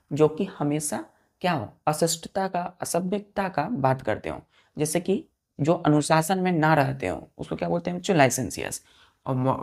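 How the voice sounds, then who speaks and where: A woman teacher leads a vocabulary lesson, spelling each word letter by letter and counting the letters aloud. Her voice sits low and has a gravelly, creaky edge. She keeps asking her students questions as she goes. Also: darkish tone. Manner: asks the class repeated questions.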